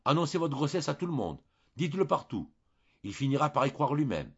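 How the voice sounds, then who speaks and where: A man voicing a shrewd, curious old country priest who gives calm, authoritative advice. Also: mid-range voice, a little slow, slightly rough, dull audio, voice pushed up, exaggerated voice. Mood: calm advising.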